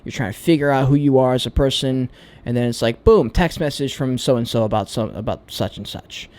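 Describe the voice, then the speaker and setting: A man's voice: medium pitch, a little fast, darkish tone. A man vlogging a candid, reflective monologue about himself. He talks in a searching, hesitant way and swears freely.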